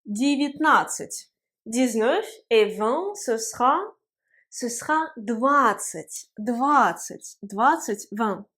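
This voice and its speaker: A woman's voice: a little high, expressive, a bit bright. A woman teaching a language video lesson, patiently repeating each word and drilling pronunciation at a board. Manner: patient, drills words slowly and repeats them. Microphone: writing on a board.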